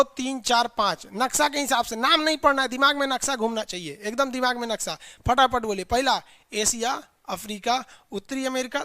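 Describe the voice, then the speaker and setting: Chatty teacher drilling a class. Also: male voice, very high voice, pushed and bright, no echo. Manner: drills class in call-and-response lists; chatty, scolding asides to students. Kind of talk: live online geography class.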